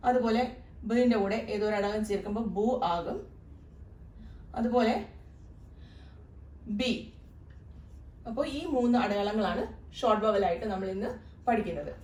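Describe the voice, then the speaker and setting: A woman's voice: medium pitch, normal speed, long pauses, darkish tone. A woman teaching a beginners' Arabic lesson, patiently explaining and repeating each sound. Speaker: Arabic tutor. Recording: echoey room, voice from a distance.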